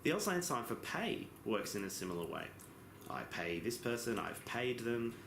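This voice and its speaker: A man giving a simultaneous interpretation as voice-over for a lesson, explaining in phrases with pauses and occasional self-corrections. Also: mid-range voice, sing-song, vocal fry, fairly bright tone. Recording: echoey room with background noise.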